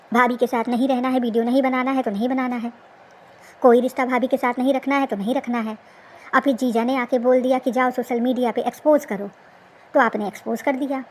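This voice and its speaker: A reaction video host offers casual gossip commentary on a social media dispute, her high voice set against slight background noise. She's colloquial, teasing, and exclamatory, firing off plenty of rhetorical questions.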